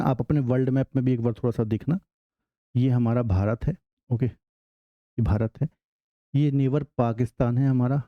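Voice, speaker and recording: Male teacher, medium pitch, poses questions and answers them, dry dull-sounding recording. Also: vocal fry, no room sound. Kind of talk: exam-prep geography lecture.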